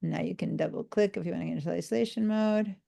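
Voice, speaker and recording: Tired woman instructor, gravelly voice, rambling with fillers, online class over a computer mic. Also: lowish voice, fast, dark tone. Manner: tired, yawning, rambling with many fillers and restarts. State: sleep-deprived and tired. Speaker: design software instructor.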